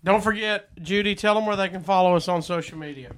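A man co-hosting a casual snack-tasting show, talking in a playful, joking way with quick asides. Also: sits high, slight background noise. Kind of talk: casual chat.

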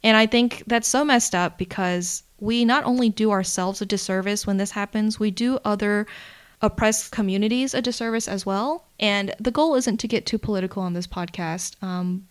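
A woman hosting her own podcast delivers a solo intro monologue, candid and outspoken, swearing freely. She talks fast in a smooth, medium-pitched voice, mixing in fillers like "you know" and "like".

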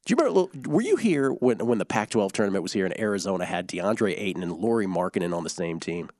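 A man's voice: deep voice, sing-song, quick pace, a little mellow, dry recording, clean studio sound. Chatty male sports betting co-host. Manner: chatty, joking, rattles off scores and odds. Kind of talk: casual sports betting chat.

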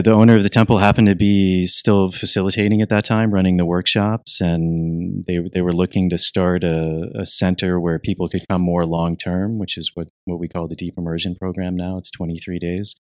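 A young man from Virginia being interviewed, answering in a soft, reflective way with many restarts and fillers. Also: sits low, level tone, normal speed, dry recording, clean studio sound. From United States (Virginia). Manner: soft-spoken, thoughtful, frequent restarts and fillers. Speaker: interviewee, retreat program teacher.

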